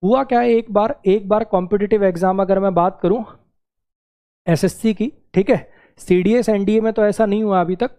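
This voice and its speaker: A man's voice: sits high, steady tone, warm tone. Patient male grammar teacher. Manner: explains step by step, asks the class questions, repeats words slowly. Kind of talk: lecture for exam students.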